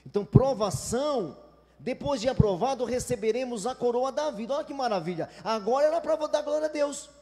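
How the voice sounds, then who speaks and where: A man's voice: very high-pitched, animated, fairly quick, mellow, big-room sound. A Brazilian man preaching a sermon as a pastor, emphatic, sometimes acting out whiny complaining churchgoers. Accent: Brazilian Portuguese.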